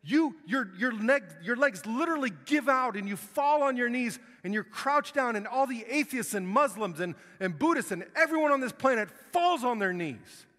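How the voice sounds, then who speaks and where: A man preaching a sermon as a guest speaker, telling a vivid story that moves between hushed and loud. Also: very high voice, lively intonation, moderate pace, few pauses. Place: church sanctuary. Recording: long hall reverb.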